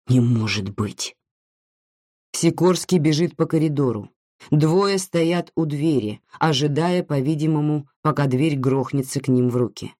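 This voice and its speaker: A narrator reading a literary story in a steady, even manner. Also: medium pitch, normal speed, dry recording, clean studio sound.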